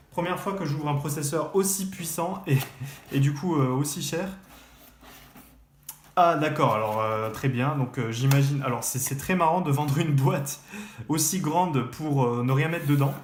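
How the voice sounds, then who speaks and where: A man unboxing computer parts in a casual vlog, talking hesitantly with lots of fillers and restarts. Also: mid-range voice. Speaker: tech youtuber. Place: room at his desk. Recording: echoey room, faint background noise.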